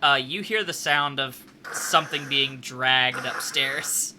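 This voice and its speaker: A man's voice: medium pitch, slow, noisy background. A man narrating as game master, loosely improvising the scene with frequent fillers.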